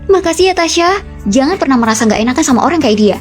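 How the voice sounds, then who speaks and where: A woman dubbing every role in a short drama, with brisk, clipped line delivery. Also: high voice, animated, soft background music. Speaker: voice-over dubber of all roles.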